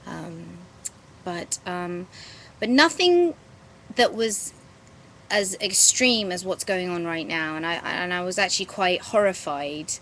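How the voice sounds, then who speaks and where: A woman, talking to her webcam outdoors in a garden. She speaks reflectively, pausing often with ums and restarting her sentences. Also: on the low side, animated, a bit bright, a little hiss or hum, rough recording. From England. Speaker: vlogger. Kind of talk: casual talk to camera. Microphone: webcam at close range.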